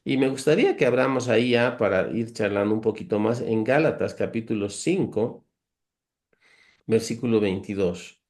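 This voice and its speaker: A man's voice: fairly low pitch, moderate pace, darkish tone. Earnest man teaching Bible verses. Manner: earnest, explanatory, reads verses aloud and lists virtues; homely, humorous comparisons, addresses listeners as brothers.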